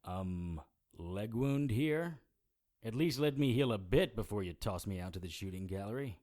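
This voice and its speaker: Actor playing a deadpan hardboiled detective. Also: male voice, on the low side, normal speed, lightly acted. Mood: wry. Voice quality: wry, deadpan. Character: dry-witted male private investigator narrator. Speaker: narrator and lead character. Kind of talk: hardboiled audio drama narration.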